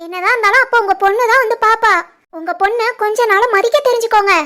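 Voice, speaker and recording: A woman voicing an outspoken young daughter-in-law in an animated family drama, defiant and lecturing, with a southern Tirunelveli Tamil accent. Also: extremely high pitch, fast. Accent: southern Tamil Nadu (Tirunelveli) Tamil.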